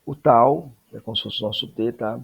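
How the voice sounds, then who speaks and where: A man teaching a Greek lesson, explaining slowly and checking in with frequent tag questions. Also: mid-range voice, creaky, breathy edge, lo-fi sound. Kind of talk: classroom lesson.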